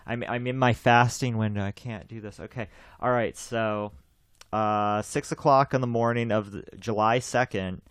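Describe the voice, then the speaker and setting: A man's voice: fairly low pitch, steady tone, normal speed, a bit bright, clean tone, no echo, studio quality. A man in his twenties hosting a podcast in casual chat, rambling, repeating himself and laughing often. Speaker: podcast host.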